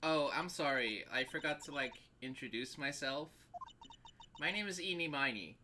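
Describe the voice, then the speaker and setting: A man voicing a ditzy, slow-witted young college woman with a vague, hesitant way of talking in a game read-through. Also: fairly high pitch, expressive, background noise, close to an everyday voice. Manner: vague, hesitant, filler-laden.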